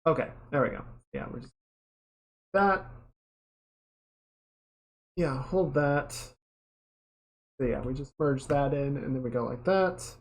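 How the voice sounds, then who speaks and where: A woman's voice: rumbling low, slow pace, pauses often. A woman art streamer chatting casually and muttering to herself while she draws. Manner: relaxed, mutters while working. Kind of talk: casual chat while drawing.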